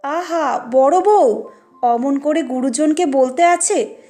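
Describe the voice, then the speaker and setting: A gentle father in his fifties in a storybook, speaking softly and soothingly, as a woman reads his lines. The voice stays high and unhurried over faint music. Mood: pleading. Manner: soothing, mildly reproachful. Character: gentle fifty-something father, mild and pleading.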